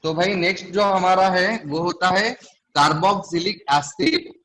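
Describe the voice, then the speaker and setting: On a low-quality recording, a man whose voice sits high and a bit bright speaks at a slow pace while lecturing a chemistry class. He breaks the material down step by step and keeps asking his students questions.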